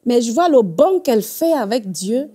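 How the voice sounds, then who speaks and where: A woman's voice: fairly high pitch, big pitch swings, moderate pace, warm tone. A woman guest on a faith talk show, telling a story earnestly and laughing often.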